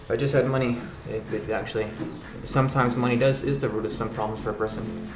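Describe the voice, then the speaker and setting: A man's voice: medium pitch, steady tone, quick pace. A man chatting casually to his vlog audience, rambling and often repeating himself as he restarts phrases. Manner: refers to himself in third person as grandpa. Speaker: vlog host. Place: sparsely furnished apartment room. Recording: echoey room with background music.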